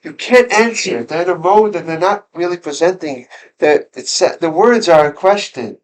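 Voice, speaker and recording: A man's voice: sits high, moderate pace, rough recording. A man teaching a classroom Torah lesson, talking conversationally, questioning his students, and often restarting his sentences. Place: school classroom.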